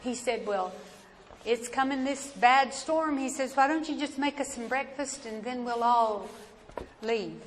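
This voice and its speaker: Echoey, slow-talking Appalachian woman telling stories. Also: a little high. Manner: folksy, dramatic, deliberate with pauses. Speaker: storyteller. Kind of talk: oral family storytelling, live performance. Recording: echoey hall with noticeable background noise.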